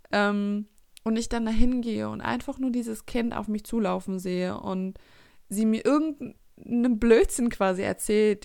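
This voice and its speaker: A woman's voice: mid-range voice, vocal fry, no echo, clean studio sound. A woman in her twenties talking reflectively in a casual personal monologue, often searching for her words. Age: 20s.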